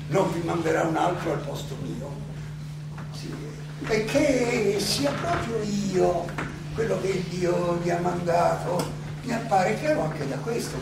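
A man acts out an aging philosopher addressing his judges in a slow theatrical monologue. He is halting and rhetorical, pausing and repeating himself for weight. The voice is gravelly and comes from far off in a noisy, reverberant space. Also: high-pitched, heavily acted. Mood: wry, halting. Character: Socrates, aging Athenian philosopher defending himself on trial. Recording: distant, very echoey, noisy stage recording.

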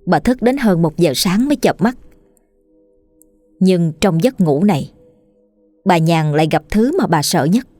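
A woman narrating a scripted horror story. She reads in a steady, suspenseful way in a lowish voice. Faint music plays underneath. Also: a little slow, long pauses, dry recording.

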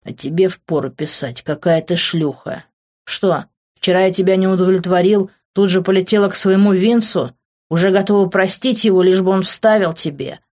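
A woman narrator voicing a jealous, possessive young man who speaks in a low, hushed, intense tone. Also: steady tone, moderate pace, highs cut off, close to an everyday voice. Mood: angry. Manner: low, hushed and intense, often near a whisper.

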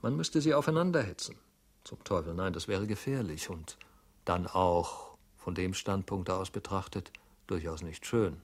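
A man voicing an anxious, self-reproaching clerk who mutters to himself, his voice swinging between loud outbursts and hushed asides. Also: sits low, moderate pace. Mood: fretful musing. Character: anxious fretful male clerk, middle-aged, self-reproaching.

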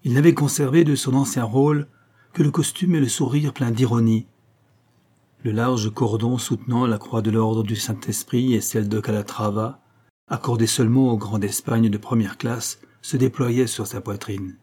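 A man reading a historical tale aloud as an audiobook narrator, in a measured literary manner. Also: mid-range voice, steady tone, dark tone, breathy edge.

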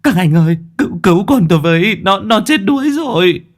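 Desperate village mother, very high, wailing and crying out, voiced by a man, ghost-story audiobook. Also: animated, a little fast.

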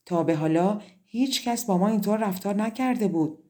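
A woman's voice: mid-range voice, warm tone, close to an everyday voice. Woman voicing a small indignant pigeon. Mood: aggrieved.

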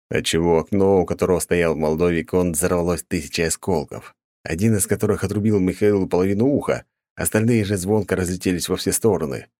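A man narrating a first-person audiobook in a steady, measured reading. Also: low-pitched, dry recording, studio quality.

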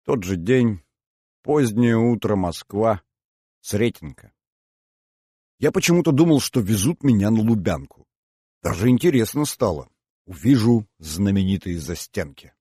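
A man narrating an audiobook in a measured, even storytelling manner. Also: fairly low pitch, breathy edge, no echo, studio quality.

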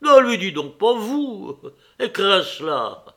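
A troubled drunken elder brother who bursts out loud and high, bitter and afraid, as a male audiobook reader puts him on. His voice sits up high and his speech drags slowly. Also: big pitch swings, exaggerated voice. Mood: agitated. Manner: loud, agitated outbursts. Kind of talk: audiobook character reading.

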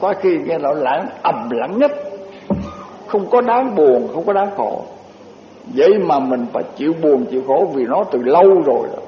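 An older monk speaks in a high voice, giving a relaxed dharma talk and slowing down to recite verse. His voice rings through a roomy lecture hall on a dull, lo-fi recording with a faint hiss. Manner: conversational, slowly recites verse. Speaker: Buddhist monk teacher.

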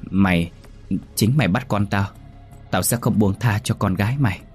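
A man voicing a vengeful woman spirit who hisses threats in a hushed, accusing voice, in a spoken ghost story. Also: fairly low pitch, normal speed, soft background music, lightly acted. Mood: menacing.

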